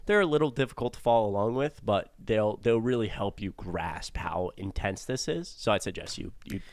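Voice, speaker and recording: Young male co-host, lowish pitch, animated jokey banter, casual swearing. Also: normal speed, no room sound. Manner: excitable, joking, swears freely. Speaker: podcast co-host.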